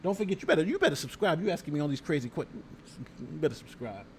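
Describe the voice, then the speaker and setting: On his casual legal commentary stream, an American lawyer and YouTube host works through a lawsuit, reading it aloud and adding rhetorical asides in a conversational way. He speaks fast and expressively at a fairly high pitch, and there is a little hiss or hum.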